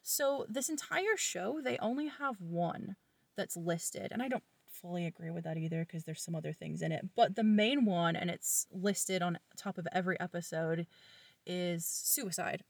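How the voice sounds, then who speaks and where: A woman co-hosting a casual podcast, talking in a chatty, expressive, teasing way. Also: fairly low pitch, normal speed, gravelly, no echo, far from the mic. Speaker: podcast co-host. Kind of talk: casual chat.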